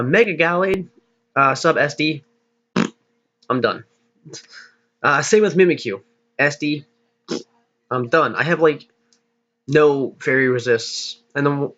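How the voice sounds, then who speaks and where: A young man with a sharp-toned, medium-pitched voice casually rambles about the team he's planning for a league battle, mocking himself and laughing at himself along the way. It's relaxed gaming commentary on a slightly dull lo-fi microphone.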